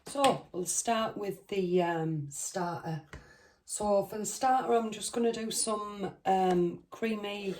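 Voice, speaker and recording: A woman's voice: mid-range voice, slow pace, darkish tone, slight background noise. A British woman chatting casually to her viewers as a cooking vlogger, hesitant and rambling, with a sore throat and a short-of-breath, strained voice. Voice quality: strained, under-the-weather voice. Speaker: cooking channel host.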